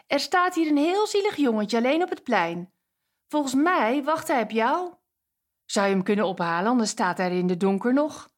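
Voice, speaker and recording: Woman doing a worried kind teacher, soft coaxing voice, kinda high. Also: expressive, moderate pace, natural voice. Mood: concerned. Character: kind concerned female schoolteacher.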